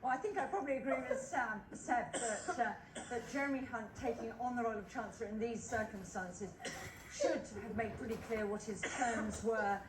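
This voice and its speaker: Female panel commentator, fairly high voice, considered and halting, with clear background noise. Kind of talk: live broadcast political analysis. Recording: roomy, distant, clearly noisy broadcast.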